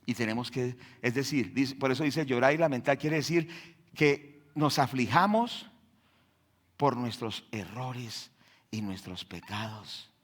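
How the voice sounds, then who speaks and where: A man preaching a sermon in church, firing rhetorical questions at the congregation and swinging between loud and hushed delivery. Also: mid-range voice, lively intonation, unhurried. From Colombia. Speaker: pastor.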